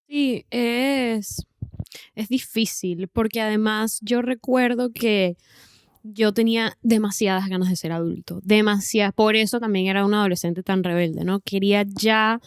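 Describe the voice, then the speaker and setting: Young woman, thoughtful and unhurried. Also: mid-range voice, steady tone, clean tone, no room sound, clean studio sound. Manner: thoughtful, unhurried, uses tag questions. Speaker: podcast co-host. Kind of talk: casual chat.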